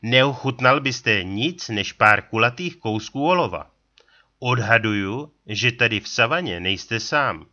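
A man's voice: medium pitch, expressive, bright, forceful tone, muffled recording. A man voicing a small, stout, sly frontier trapper who talks in a folksy backwoods drawl, in an audiobook. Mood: gruff warning. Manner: folksy, drawling backwoods talk with a pet catchphrase. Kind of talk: audiobook character voice.

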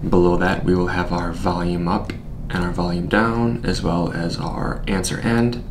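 Young man, very low voice, product walkthrough, steady explaining, small studio, background hiss. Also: moderate pace. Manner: steady, explanatory, walks through features step by step. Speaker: product presenter. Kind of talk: scripted product unboxing.

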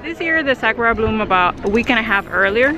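A woman's voice: a little high, animated, quick pace. A woman in her thirties presenting a sightseeing tour as a travel show host in scripted narration. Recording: loud music and crowd behind. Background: background music.

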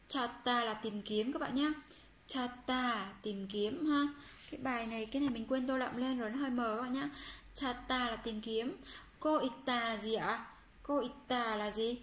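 High-voiced woman teaching in a roomy space. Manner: patient, repeats phrases slowly for learners; reads Korean example sentences quickly. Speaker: Korean language teacher. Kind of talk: explaining a language lesson. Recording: roomy with faint background hum.

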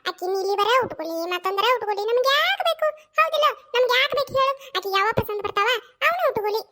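Woman doing a cartoon neighbor auntie, middle-aged, coaxing, motherly, North Karnataka accent, high voice. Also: expressive, quick pace, background noise. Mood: hushing. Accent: North Karnataka Kannada.

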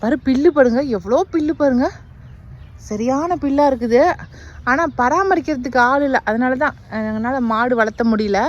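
A woman's voice: high voice, moderate pace, muffled recording. A young woman in casual, chatty vlog narration outdoors on a farm, talking straight to her viewers. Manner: chatty, addresses viewers directly. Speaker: village vlogger.

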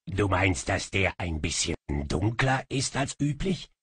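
A man's voice: mid-range voice, big pitch swings, moderate pace, fairly bright tone, slightly rough, no echo, studio quality, exaggerated voice. A man voicing a stocky, grumpy male djinn who talks in a sardonic mutter. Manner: sardonic, mumbling.

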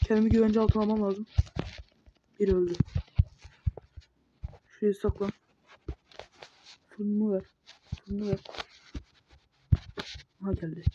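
A woman's voice: mid-range voice, level tone, unhurried, pauses often. Woman muttering through gameplay, lo-fi. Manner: mutters running self-talk, scolds the monsters. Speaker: gamer. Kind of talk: casual gameplay commentary. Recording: dull lo-fi mic with noise.

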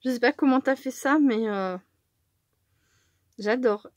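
Giggly rambling woman with a bright voice. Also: on the high side, slow, no room sound, studio quality. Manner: rambling, self-correcting, giggly, drops to a hush at times. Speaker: craft YouTuber opening fan mail. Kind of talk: casual chatty vlog.

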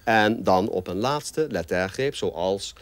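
An actor playing a pompous, lecturing language scholar in a comedy sketch interview. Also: male voice, on the low side, animated, slow. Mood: pedantic. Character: pedantic male language scholar doctor. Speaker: language expert guest.

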